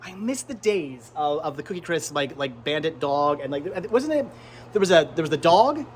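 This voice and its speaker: A middle-aged man from Pennsylvania hosts a thrifting vlog at a flea market, wandering among the vendor stands. He chats casually, enthusiastic and nostalgic, rambling and often stammering repeated words. His voice is on the high side with lively intonation at a moderate pace, and the flea market ambience comes through as clear background noise.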